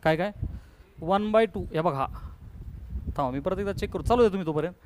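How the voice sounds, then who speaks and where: A male physics teacher, lecturing a class and coaxing his students with quick questions. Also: high voice, slight background noise.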